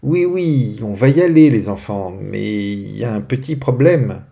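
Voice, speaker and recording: A man voicing a kind, gentle female fairy in a children's bedtime story, speaking softly and reassuringly. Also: fairly low pitch, animated, measured pace, creaky.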